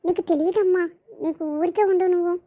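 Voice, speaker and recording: A woman's voice: very high-pitched, steady tone, quick pace, dull audio. A woman voicing a jealous, scheming young woman, with a complaining, resentful tone. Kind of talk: animated village comedy voicing.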